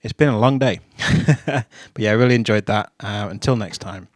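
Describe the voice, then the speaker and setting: A man giving casual reaction commentary in a relaxed way, repeating himself and using fillers like um and you know. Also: on the low side, moderate pace, dry recording, studio quality. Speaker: reaction video host.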